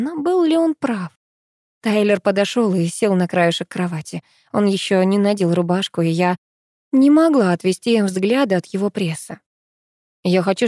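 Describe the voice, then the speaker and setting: Warm-voiced woman reading a romance. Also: mid-range voice, dry recording, clean studio sound. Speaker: audiobook narrator. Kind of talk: first-person romance audiobook reading.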